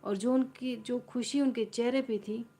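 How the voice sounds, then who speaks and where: Woman, live-stream vlogger, casual storytelling, slow, mellow tone, repeats herself. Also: a little high, fairly even intonation. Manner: slow, repeats and rephrases lines as she tells a story.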